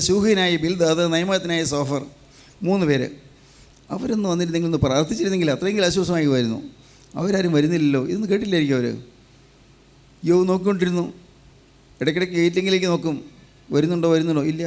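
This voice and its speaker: A man's voice: high voice, a little mellow. A man preaching a sermon with an emphatic, repetitive cadence.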